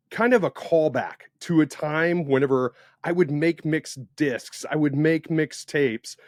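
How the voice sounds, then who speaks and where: An enthusiastic man hosts a casual podcast interview, voice a touch high for a man. His delivery swings from loud bursts to quieter asides. The sound is close and dry, with no room echo. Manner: enthusiastic, animated with swings in loudness. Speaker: podcast host.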